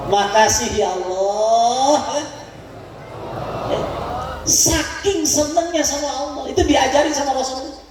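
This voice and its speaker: A man with a Sundanese accent preaches to a gathered congregation, unhurried and drawn out, and keeps pulling them into call-and-response with a chuckle. His voice rings through a large hall with a long, booming reverb. He sounds set back from the microphone, with faint ambience underneath. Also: slight background noise. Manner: leads the crowd in call-and-response, chuckling often. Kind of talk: religious study sermon to a congregation. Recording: echoey hall, voice from far off.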